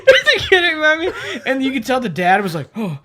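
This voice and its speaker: Animated man telling a story. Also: very high voice, fast talker, heavy background noise. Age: 30s. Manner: animated storytelling, swearing freely. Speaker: podcast co-host. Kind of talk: casual chat.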